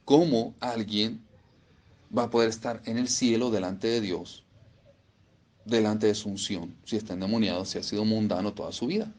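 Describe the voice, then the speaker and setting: A man's voice: lowish voice, steady tone, moderate pace, a little mellow. A man preaching a sermon, emphatic and repeating phrases for stress.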